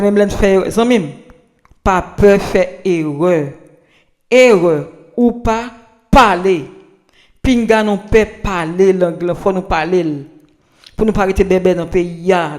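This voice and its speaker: A man's voice: high-pitched, a little mellow. A man with a Haitian Creole accent who gives an informal spoken lesson on pronunciation, repeating himself and restarting often. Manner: repetitive, halting, many restarts. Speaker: language tips presenter.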